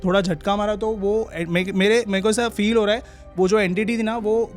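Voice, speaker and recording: A young man, a podcast guest, telling a personal story in a casual, halting way with many pauses and restarts. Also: high voice, fairly even intonation, faint music behind.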